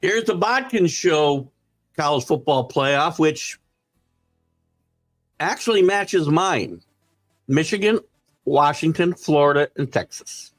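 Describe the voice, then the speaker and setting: A male host of a live sports talk show, giving opinionated commentary that keeps building into excited rants. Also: on the high side, no room sound.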